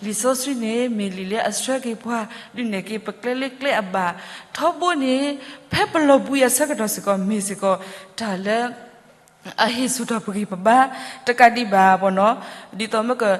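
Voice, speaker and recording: A woman giving a sermon in a church, talking loosely with many pauses and fillers. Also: on the high side. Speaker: preacher. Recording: long church reverb.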